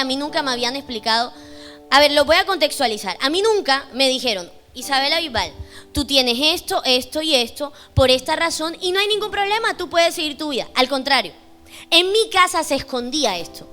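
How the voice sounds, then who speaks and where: Bright high-voiced woman preaching a testimony. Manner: emphatic, preaching with rising intensity. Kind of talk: testimony sermon. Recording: faint music behind the voice.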